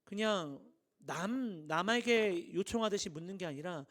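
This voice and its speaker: Youth pastor, man in his thirties, high lively voice, playful preaching to teens. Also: measured pace. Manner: animated, acts out dialogues, asks the audience questions. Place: church hall.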